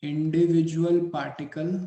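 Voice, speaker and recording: A man teaching physics in Hindi and Indian English, slowly dictating points and repeating each phrase so students can write. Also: on the high side, level tone, gravelly, mellow, echoey room, low-quality recording. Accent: Hindi-English mix, Indian English. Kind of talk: dictating lecture notes.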